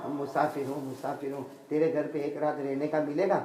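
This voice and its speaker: A man voicing a humble male traveler who speaks low and quietly, pleading for a place to stay. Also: flat delivery, brisk, natural voice. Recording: echoey mosque hall, faint ambient noise.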